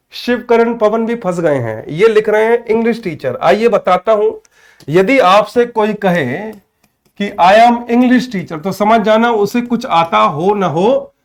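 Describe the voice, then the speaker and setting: A man with an Indian accent teaching an online English grammar class, calling students by name, checking they follow, and saying English phrases slowly word by word. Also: high voice. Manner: addresses students by name, asks "clear?" often; mixes Hindi with slow, spelled-out English.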